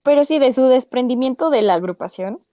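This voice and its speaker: A woman's voice: high voice, animated, fairly quick, mellow, no room sound, highs cut off. A woman co-hosting a casual podcast chat, correcting herself as she goes. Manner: chatty, self-correcting. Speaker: podcast co-host.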